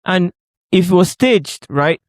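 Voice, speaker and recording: A man from Cameroon co-hosting a podcast, telling stories in a lively, emphatic way in casual chat. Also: sits high, slow, no room sound, clean studio sound. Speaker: podcast co-host.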